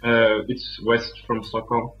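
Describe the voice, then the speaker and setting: A young man from Sweden with a Swedish accent, a guest answering interview questions in a relaxed, soft-spoken way. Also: slow pace. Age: young adult. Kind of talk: casual interview. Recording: muffled low-fidelity audio.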